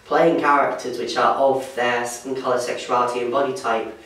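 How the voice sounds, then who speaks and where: A young man answering vox pop questions in a measured way, with fillers. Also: medium pitch, level tone, fairly bright tone. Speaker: interviewee. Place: small indoor room by a door. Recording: echoey room, distant mic.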